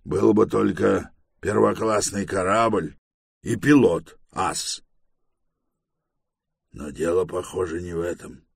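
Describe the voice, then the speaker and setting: A man voicing a raspy, argumentative older male scholar in an audiobook. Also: deep voice, slow, long pauses, dry recording, clean studio sound, voice pushed up, exaggerated voice. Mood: insistent.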